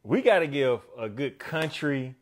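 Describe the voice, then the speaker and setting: A man co-hosting a podcast, talking in a relaxed, slangy way and often saying "bro". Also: medium pitch, a little slow. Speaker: podcast co-host. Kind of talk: casual chat.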